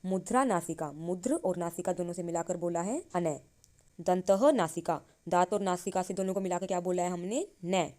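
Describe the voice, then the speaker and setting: A woman's voice: fairly low pitch, darkish tone. A woman teaching a grammar lesson, asking questions and answering them herself, drawing out each syllable as she reads it. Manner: slow, drawn-out reading of syllables. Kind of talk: Sanskrit grammar lesson explained in Hindi.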